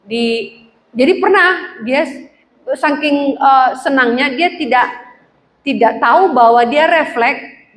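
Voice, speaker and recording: A woman pastor preaching a sermon in a church, lively and humorous, acting out the voices in her stories. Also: high voice. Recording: echoey church hall with faint ambience.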